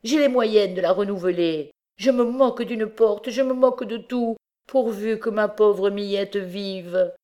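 A woman's voice: mid-range voice, a little slow, hardly any pauses, voice pushed up, natural voice. A woman voicing a distraught, grieving man, a rich porter who cries out frantically. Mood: frantic. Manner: frantic shouting exclamations.

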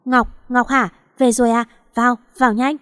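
A woman's voice: fairly high pitch, normal speed, darkish tone, no echo, clean studio sound, natural voice. A woman voicing an older, doting mother who fusses anxiously and repeats her questions. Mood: fussing. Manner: fussing, repeating herself.

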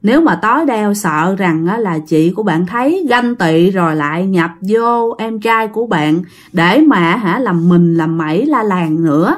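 A woman's voice: mid-range voice, animated, unhurried, hardly any pauses. A woman narrating a listener's ghost story in a chatty way, talking straight to her audience. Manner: chatty, addresses listeners directly.

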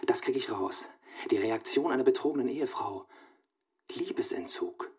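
In a radio drama, an actor plays a studious young man dictating research notes in a clipped, analytical, deliberate way. His medium-pitched voice is expressive and husky, and the mood is musing.

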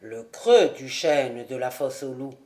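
A secretive charcoal burner with a voice pressed low and slow, as a woman reads him in an audiobook. He talks with grave calm, in a steady, hushed tone. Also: gravelly, heavily acted. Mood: sad. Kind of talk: audiobook character voice.

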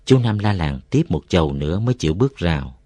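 A man reading a novel aloud, calm and even, as narrator. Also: low-pitched, quick pace, breathy edge, no room sound.

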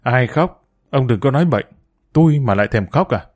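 A man's voice: mid-range voice, lively intonation, fairly quick, darkish tone, dry recording, studio quality, lightly acted. A man voicing a streetwise teenage boy who talks in curt, grumbling bursts in a storybook reading. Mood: gruff.

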